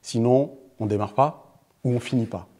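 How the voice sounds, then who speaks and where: Brief: mellow-voiced man in his forties, interview guest who keeps restarting sentences, recorded in an echoey room. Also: mid-range voice, moderate pace. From Senegal. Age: 40s. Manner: animated storyteller, frequent hesitations and restarts. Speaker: guest author. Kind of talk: interview answers.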